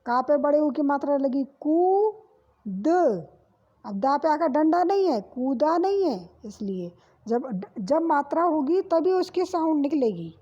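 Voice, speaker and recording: A woman's voice: sits high, animated, unhurried, dark tone, lo-fi sound. A woman teaching a kindergarten language lesson who sounds out each word, repeats it twice, and answers her own questions. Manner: asks questions and answers them herself. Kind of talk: classroom lesson for small children.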